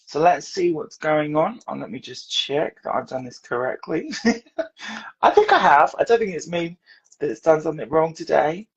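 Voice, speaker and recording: A woman from the UK hosting a casual live stream from her dressing room, chatty and laughing while sorting out tech, with a hoarse voice. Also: sits low, animated, normal speed, highs cut off. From United Kingdom. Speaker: podcast host.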